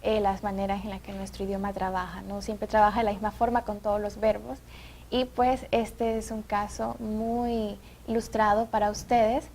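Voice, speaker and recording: A woman's voice: medium pitch, little pitch movement, normal speed, darkish tone, slight background noise. A woman hosting an educational TV program, attentive and leading each segment. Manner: attentive, frequent "ujú" backchannels, guides segments. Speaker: TV program host. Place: TV studio.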